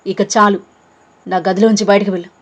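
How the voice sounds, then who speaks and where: A woman's voice: mid-range voice, fairly even intonation, brisk, close to an everyday voice. Proud injured young man, harsh and commanding, voiced by a female narrator. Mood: angry.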